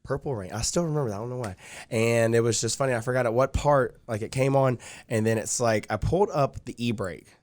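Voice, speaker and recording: Speaking quickly in a mid-range, slightly mellow voice, a young man recounts a long personal story as a guest on a podcast. The chat is casual and meandering, stuffed with fillers such as "like" and "dude."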